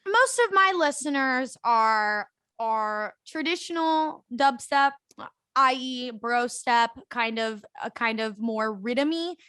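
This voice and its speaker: A woman's voice: on the high side, animated, pushed and bright, clean tone, no room sound. A young woman hosting a podcast, upbeat and enthusiastic in casual interview chat. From United States. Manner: upbeat, enthusiastic, quick reactions. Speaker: podcast host.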